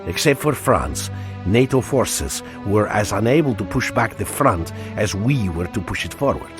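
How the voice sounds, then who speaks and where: A man's voice: fairly low pitch, big pitch swings, moderate pace, music in the background. A man playing a wry, war-weary Soviet soldier narrating a war game story in a dry, sardonic way.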